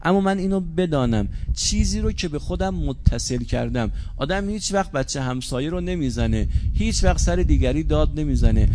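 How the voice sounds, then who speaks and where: A man delivers a Muharram night sermon, his voice sitting a little high. He moves from quiet, measured phrases to fervent, repeated questions, with a faint hum of the gathering behind him. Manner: builds from soft and measured to impassioned, with repeated rhetorical questions. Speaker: preacher at a mourning gathering.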